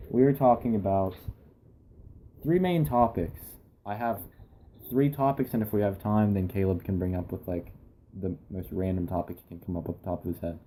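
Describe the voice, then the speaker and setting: A man's voice: deep voice, normal speed, warm tone, slight background noise. A young man hosting a casual podcast, rambling through topics with a lot of restarts and laughter. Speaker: podcast host. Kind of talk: casual chat.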